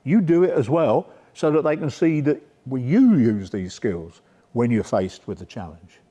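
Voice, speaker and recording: Middle-aged male lecturer, mellow voice, informal workshop delivery, reverberant hall. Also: medium pitch, animated, normal speed, breathy edge. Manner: conversational, checks in with "yeah?". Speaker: sport psychology speaker. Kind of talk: coaching workshop talk.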